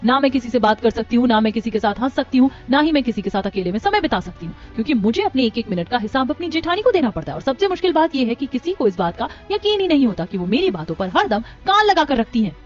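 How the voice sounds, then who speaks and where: A man voicing an anxious young wife in an animated family story, high-pitched and pleading. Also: fast talker, hardly any pauses. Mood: upset. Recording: dull lo-fi with music.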